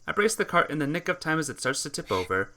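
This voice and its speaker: This gamer reads a visual novel out loud as playthrough narration, voicing the characters and occasionally stumbling before correcting the slip. The medium-pitched voice is bright and forceful, moving quickly in a sing-song pattern.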